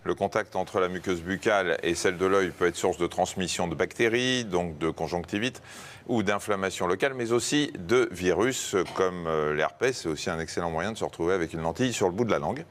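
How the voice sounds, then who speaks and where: Really deep-voiced doctor type, calm and explaining. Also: male voice, fairly quick. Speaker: medical expert. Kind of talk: explanatory interview.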